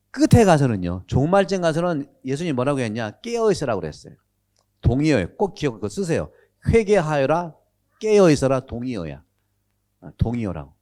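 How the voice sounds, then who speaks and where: Lively priest lecturing, mellow voice. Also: male voice, a little high. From Jeolla, Korea. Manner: animated, asks the audience questions. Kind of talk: catechism lecture to a live audience. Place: lecture room with an audience.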